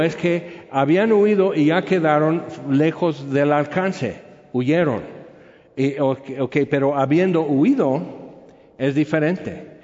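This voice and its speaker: A man's voice: fairly high pitch, darkish tone. A man teaching a Bible study class in a conversational way, often checking in with his listeners. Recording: echoey hall, dull sound.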